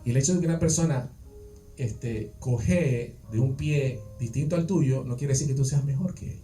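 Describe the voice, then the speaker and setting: A man's voice: mid-range voice, normal speed, dark tone. Man preaching in an echoey church. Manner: conversational, rhetorical questions, checks on listeners. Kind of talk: sermon. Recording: echoey church, distant mic, faint music.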